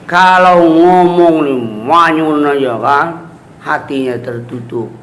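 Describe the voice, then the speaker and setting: A man's voice: fairly high pitch, fairly even intonation, slow pace, fairly bright tone. A man giving a casual religious lesson to students, chatty, often asking "right?" and acting out quoted voices. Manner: chatty, asks "ya kan?" often, acts out quoted voices with laughs. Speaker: Islamic teacher giving a kitab study. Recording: echoey room with faint ambient noise.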